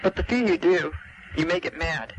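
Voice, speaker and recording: High-voiced man arguing on a noisy line. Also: expressive, normal speed. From lives in California. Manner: emphatic, reproving. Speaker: caller leaving a message on a comment line. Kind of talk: earnest political argument, partly prepared. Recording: noisy recorded phone message. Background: clear background noise.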